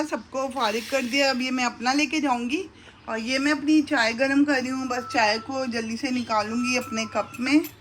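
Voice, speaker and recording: Recorded on a handheld camera, a middle-aged woman cooks breakfast in her home kitchen and chats casually to viewers, speaking fondly to her sons in this cooking vlog; she's a vlogger and a mother. Her voice is on the high side and fairly bright, with slight background noise.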